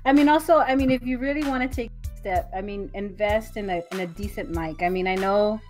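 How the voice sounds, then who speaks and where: Fast-talking laughing woman voice actor. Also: mid-range voice, darkish tone, soft background music. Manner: rapid, laughing, restarts mid-sentence. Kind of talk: casual podcast chat.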